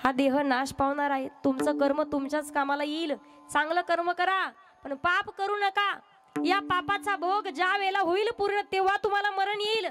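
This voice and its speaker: A woman's voice: high-pitched, level tone, moderate pace, close to an everyday voice. A woman preacher voicing a wise wife who scolds her sinful husband in a story. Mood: admonishing.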